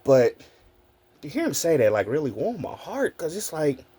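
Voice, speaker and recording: A man in his forties, a content creator, telling childhood stories in a casual, animated vlog. He talks straight to his viewers, laughs often and swears freely. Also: fairly high pitch, normal speed, breathy edge.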